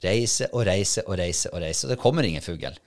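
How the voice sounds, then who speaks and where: Man with a low voice, chatty animated storyteller in a conversation. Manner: lively, animated retelling, quoting others. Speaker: dog handler telling a story. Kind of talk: casual storytelling in a podcast chat.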